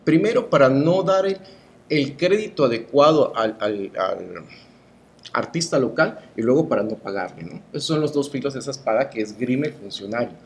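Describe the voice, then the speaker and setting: A middle-aged man with a Mexican accent speaks at a medium pitch. He talks as an interviewee with firm opinions, pressing his points with rhetorical questions and short tags that seek agreement. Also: expressive, moderate pace. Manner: emphatic, rhetorical, ends phrases with tag questions. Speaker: cultural promoter and artist being interviewed.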